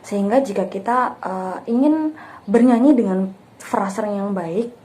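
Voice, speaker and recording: A woman's voice: medium pitch, unhurried, mellow. A woman music teacher explaining breathing and phrasing to her pupils in a patient classroom manner, with frequent fillers. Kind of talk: classroom lesson with sung examples.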